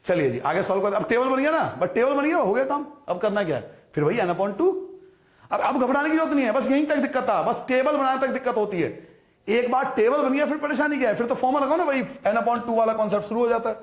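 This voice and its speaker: In a recorded classroom lesson that echoes around the room, a male maths teacher with a high, light voice walks his class through every step. He patiently repeats numbers, calls students "beta," checks that they're following, and asks rhetorical questions he answers himself. He talks fast with lively intonation.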